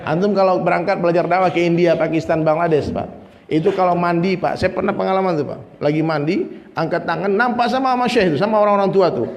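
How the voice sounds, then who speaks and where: A man's voice: high voice, fast talker, gravelly. Man preaching in a reverberant hall. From Minangkabau, Indonesia. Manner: lively, humorous preaching, often addressing listeners. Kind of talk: sermon. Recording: long reverb, faint ambience.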